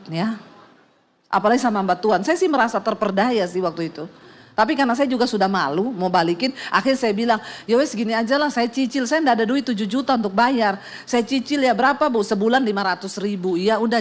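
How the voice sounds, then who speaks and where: A middle-aged woman pastor, preaching with humorous storytelling, quoted voices and sound effects. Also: mid-range voice. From Indonesia. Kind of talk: sermon.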